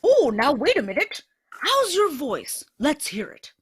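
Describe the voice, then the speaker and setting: A jolly old Santa chuckles through his lines slowly and warmly, voiced by a woman. The voice sits high and moves with lively rises and falls. It comes from an old-time radio play read live. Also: heavily acted. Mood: curious.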